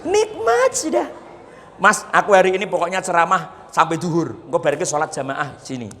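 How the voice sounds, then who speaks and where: A man's voice: a little high, steady tone, a little fast, sharp tone, long reverb tail, a little hiss or hum. A man with a Javanese accent giving a humorous Islamic sermon at a boarding school, teasing the audience as he preaches. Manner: jokey, teasing the audience, mixing Javanese and Indonesian.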